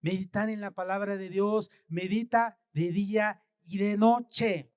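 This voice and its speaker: A man delivering a sermon in a high, bright-pitched voice. He reads scripture loudly and with emphasis, then sinks into quiet, murmured asides. The sound is dry and close, with no room echo. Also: fairly even intonation, measured pace, clear, resonant tone. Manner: swings from loud emphatic scripture reading to soft murmured asides. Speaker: pastor.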